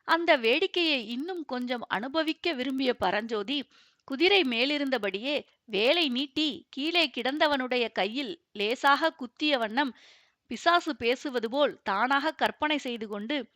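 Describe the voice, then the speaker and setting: A woman narrating a historical novel as an audiobook in a steady storytelling manner. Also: sits high, no room sound, studio quality.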